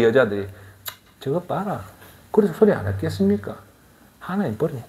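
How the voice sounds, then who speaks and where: Animated middle-aged preacher with Gyeongsang accent. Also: male voice, a little high. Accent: Gyeongsang Korean. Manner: animated, rhetorical questioning. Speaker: pastor. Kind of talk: sermon.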